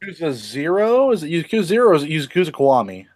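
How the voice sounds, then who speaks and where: A man's voice: fairly high pitch, sing-song, rapid-fire, darkish tone, dry recording. Casual, swearing male podcast host. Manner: swears often, loose and rambling. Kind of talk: casual gaming news chat.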